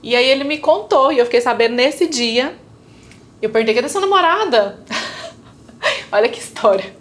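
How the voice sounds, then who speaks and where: Her voice is fairly high and moves at a moderate pace. This Brazilian Portuguese-accented guest tells her own story in a relaxed interview, reenacting past conversations and tossing in frequent tag questions.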